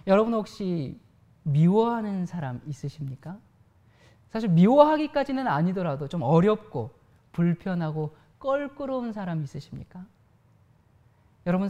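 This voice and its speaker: A woman's voice: mid-range voice, dark tone, highs cut off. A woman preacher delivering a sermon, addressing the congregation directly with rhetorical questions.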